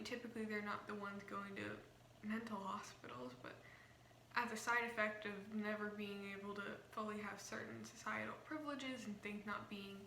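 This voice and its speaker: A young adult woman vlogger explains ideas casually to a camera in a bright, forceful, mid-range voice. She has a slight lisp, as though wearing a retainer. The small indoor room gives a roomy echo, with faint background noise.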